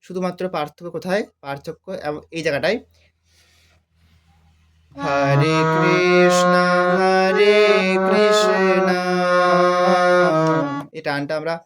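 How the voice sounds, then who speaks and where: A man teaching a devotional chant on the harmonium, explaining quietly and then singing each phrase slowly and loudly. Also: fairly high pitch, steady tone, loud music behind the voice. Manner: explains softly, then sings the phrases louder and drawn out. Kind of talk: music lesson, talking and singing. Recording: loud harmonium under the voice. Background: harmonium playing.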